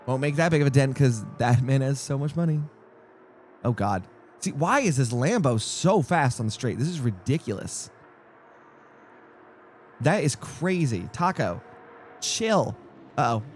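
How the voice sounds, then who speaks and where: A man's voice: medium pitch, lively intonation, moderate pace, pauses often, a little mellow, slight background noise. A young man rambling through casual live-stream commentary on a sim race, jokey and easily distracted. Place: home streaming setup.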